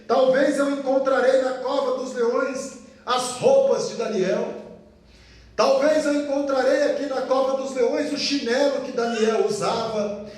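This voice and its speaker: Sorrowful pleading king, put on by a Brazilian preacher, hushed and mournful, echoey hall, distant mic. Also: very high-pitched, fairly even intonation, a little slow. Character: grieving old king, fearful and sorrowful.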